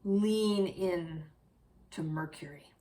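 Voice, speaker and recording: A woman's voice: lowish voice, slow, dark tone. A woman giving a casual, reflective tarot reading, musing aloud and correcting herself as she goes. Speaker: tarot reader.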